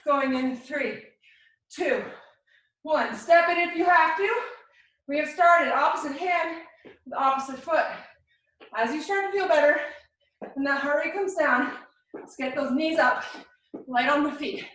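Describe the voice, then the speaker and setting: High-voiced woman fitness coach, echoey room. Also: unhurried, pauses often, a bit bright. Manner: encouraging, instructive, short cues. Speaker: fitness instructor leading a workout class. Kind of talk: live workout coaching, counting down reps. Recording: very echoey room, distant mic.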